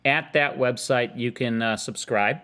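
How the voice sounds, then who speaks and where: A man's voice: medium pitch, a little slow, bright, forceful tone, smooth. Easygoing radio co-host, man. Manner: easygoing, joking, plugging the show. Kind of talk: casual chat promoting a show.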